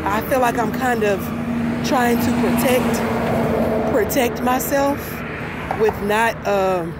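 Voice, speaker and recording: Young female walking vlogger, casual delivery, outdoor phone audio with heavy street noise. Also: fairly high pitch. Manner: talking while walking outdoors, breathy sighs of exertion. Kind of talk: casual walk-along vlog. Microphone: phone held at arm's length. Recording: very noisy outdoor street recording. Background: street and traffic noise.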